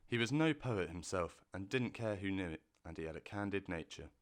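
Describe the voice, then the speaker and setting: A man narrating a storybook in a measured, gentle way. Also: low-pitched, expressive.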